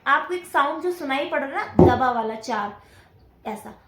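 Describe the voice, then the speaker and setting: High-voiced woman teaching dholak, echoey. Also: expressive, normal speed, fairly bright tone, soft background music. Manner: patient, explaining step by step, counts beats aloud. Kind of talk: casual music lesson. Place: indoor room with dholak drum playing.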